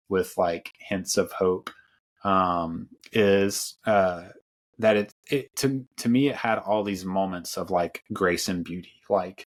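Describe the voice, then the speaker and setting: A man hosting a podcast, talking casually about films with many fillers and restarts. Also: sits low. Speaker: podcast host. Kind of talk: casual film discussion.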